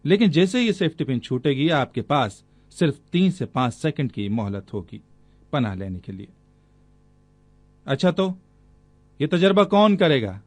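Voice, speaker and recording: A man's voice: on the high side, sing-song, moderate pace, pauses often, no room sound. A man dubbing a young soldier who explains weapons drill step by step. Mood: instructive. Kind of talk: film dub.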